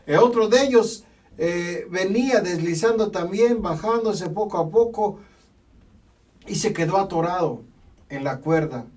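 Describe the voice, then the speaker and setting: A man delivers a sermon in a high voice, pressing his point by repeating phrases and adding amen between lines. He sounds set back from the microphone, a little distant. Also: animated, measured pace, darkish tone. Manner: emphatic, repeats phrases, punctuates with "amén". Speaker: preacher. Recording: voice from a distance from the mic.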